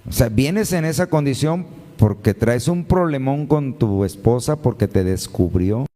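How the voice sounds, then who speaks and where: A male pastor with a warm, medium-pitched voice preaches in a large hall, animated but speaking a little slowly. He fires rhetorical questions at the congregation and addresses them as brothers and sisters.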